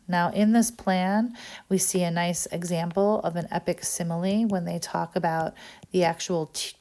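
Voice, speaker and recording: A woman teacher explaining a text in a recorded lesson, often pausing with "um" and checking in with "right?". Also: on the low side, warm tone.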